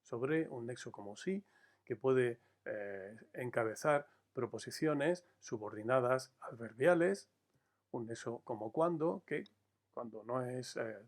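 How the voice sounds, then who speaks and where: Male teacher, mid-pitched, measured and explanatory, recorded lesson. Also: expressive. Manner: measured, explanatory, stresses key words slowly; addresses students directly with frequent "eh" fillers.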